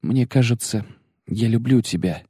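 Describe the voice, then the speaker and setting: A man reading an audiobook, voicing a proud, sharp-tongued sorceress who speaks with biting, bitter mockery. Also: mid-range voice, expressive, normal speed, breathy edge, dry recording, clean studio sound, pitched above the performer's own voice. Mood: pleading. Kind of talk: audiobook character voice.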